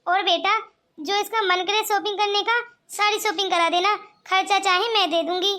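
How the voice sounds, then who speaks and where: A woman's voice: extremely high pitch, fairly even intonation, moderate pace, sharp tone. A woman voicing an older, bossy mother-in-law in a cartoon, who talks in a scheming, commanding way. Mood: warm. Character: older mother-in-law, sharp-tongued turned kind. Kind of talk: cartoon voice acting.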